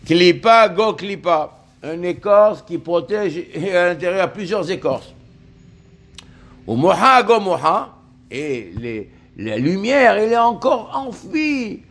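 A man teaching a religious text lesson, talking haltingly, repeating words as he explains each term. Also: sits high, sing-song.

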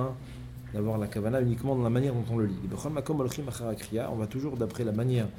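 A man's voice: mid-range voice, noisy background. A man teaching a Torah study lesson, explaining step by step and mixing in many Hebrew terms.

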